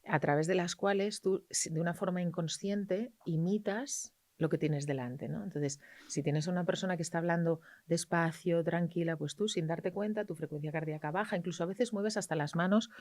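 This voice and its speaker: Animated woman, dry close sound. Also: fairly low pitch, normal speed, hardly any pauses, no room sound. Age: middle-aged. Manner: animated, acts out parents and children in quoted voices. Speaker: pediatrician guest. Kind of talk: interview conversation.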